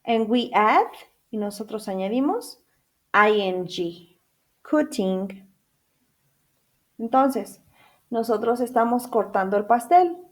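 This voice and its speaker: A woman's voice: a little high, lively intonation, slow, long pauses. A woman teaching an English grammar lesson in two languages, spelling out letters, repeating each example and checking in with her class through questions.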